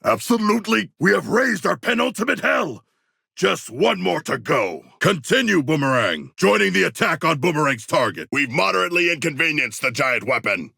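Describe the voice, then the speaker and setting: An actor playing a huge, noble, battle-hungry shark warrior in a video game, speaking in formal, literal-minded, grandiloquent language with a rough gravelly voice. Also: male voice, a little high, big pitch swings, moderate pace, sharp tone, no echo, studio quality, heavily acted. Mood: triumphant. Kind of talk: video game character voice lines.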